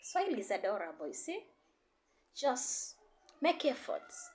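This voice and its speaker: A Tanzanian woman who teaches Swahili and English gives an encouraging online lesson, often repeating herself and code-switching between languages. Her voice is on the high side and a little mellow, with big pitch swings and a measured pace.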